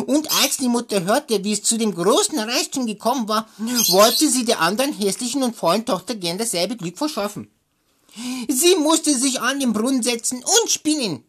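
A woman reading a fairy tale aloud for comedy, stumbling over words and adding joking asides. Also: a little high. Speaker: reader.

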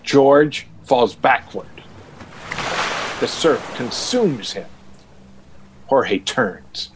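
A man's voice: mid-range voice, expressive, extremely slow, background noise. A man narrating an audio drama in a dramatic, scripted style.

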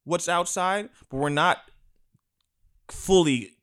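A man co-hosting a casual chat, talking bluntly with heavy swearing and animated rants. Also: high voice, slow pace.

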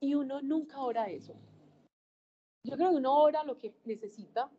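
Mujer colombiana de cuarenta y tantos, voz cálida. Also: female voice, high voice, normal speed, mellow, lo-fi sound. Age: 40s. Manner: earnest, emphatic, acts out dialogue. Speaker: speaker giving a faith testimony. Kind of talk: personal faith testimony to a group.

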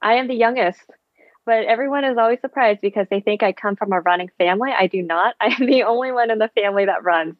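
A fast-talking woman with a medium-pitched voice joins a podcast over a video call as a friendly guest for a casual interview chat. In her thirties, she's a physical therapist and running coach who was born in Vietnam, grew up in the Bay Area, and spoke Vietnamese first. The video-call sound is dull, with no echo.

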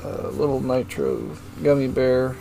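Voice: medium pitch, very animated, a little slow, gravelly, warm tone, slight background noise, poor audio. A podcast host in casual chat, laughing often and swearing offhandedly while wrapping up the episode.

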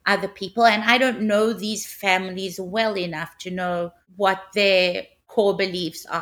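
A woman from South Africa, a preschool teacher and podcast guest, speaking in a thoughtful, measured way. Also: on the low side, a bit bright. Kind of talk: casual podcast chat.

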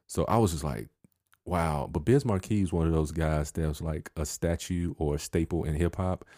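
A young man with a very low, deep voice, talking loosely as a podcast co-host. He is relaxed, chuckles often and keeps urging listeners to subscribe. The sound is dry and close, with no room behind him. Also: normal speed, no room sound. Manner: laid-back, laughs often, plugs the show. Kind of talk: casual chat.

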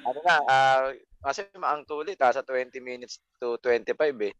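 A man's voice: medium pitch, moderate pace, lo-fi sound. A man co-hosting a casual talk, telling family anecdotes in a self-deprecating way. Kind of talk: casual storytelling.

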